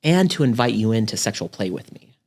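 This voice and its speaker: A man's voice: lowish voice, very animated, fairly quick, a little mellow, husky. A man who works as a therapist, talking through relationship problems in a casual interview and peppering his speech with "like" and "right?". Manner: chatty, fills with "like" and "right?".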